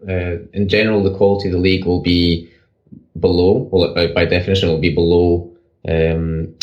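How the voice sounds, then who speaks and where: A man co-hosting a podcast, explaining football tactics in rapid bursts with frequent restarts. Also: sits low, a little mellow, muffled recording. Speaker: podcast co-host, football analyst. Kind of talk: casual analytical chat.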